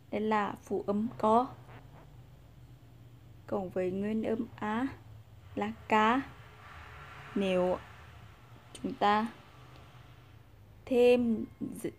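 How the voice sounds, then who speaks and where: A woman teaching a casual language lesson, patient, repeating example sounds and pausing with fillers; Vietnamese is her first language. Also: medium pitch, steady tone, slight background noise.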